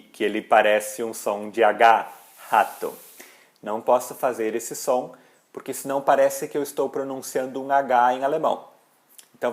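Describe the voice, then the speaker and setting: A man teaching pronunciation, speaking slowly and deliberately and repeating example words with careful articulation. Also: mid-range voice. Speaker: German language teacher. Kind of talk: pronunciation lesson.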